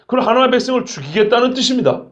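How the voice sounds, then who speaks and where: A male pastor preaching an expository sermon, acting out quoted lines with sudden shouts. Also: very high voice, lively intonation, rapid-fire.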